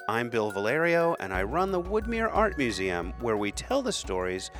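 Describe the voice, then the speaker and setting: A man hosting a show, reading a measured, scripted introduction inside a large rotunda-shaped museum gallery, his voice reverberating around the hall. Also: medium pitch, sing-song, a bit bright, soft background music. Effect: reverberating echo of a large hall. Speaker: podcast host.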